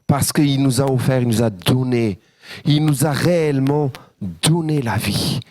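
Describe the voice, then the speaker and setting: A man's voice: medium pitch, unhurried, warm tone, dry recording. A man preaching a sermon as pastor, joyful and engaging his congregation with questions. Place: church.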